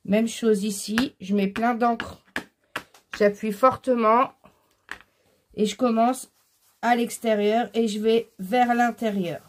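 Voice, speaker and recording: A woman's voice: on the high side, steady tone, slow pace, pauses often, slight background noise. A woman hosting a casual craft tutorial, explaining each step while she works, with frequent fillers. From France.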